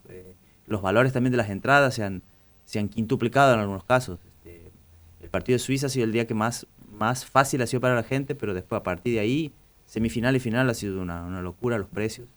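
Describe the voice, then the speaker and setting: An Argentine man talking as a journalist guest on a radio show, hesitant, with many fillers and restarts. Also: mid-range voice. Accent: Argentine Spanish. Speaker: journalist guest back from covering the World Cup. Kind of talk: casual radio interview.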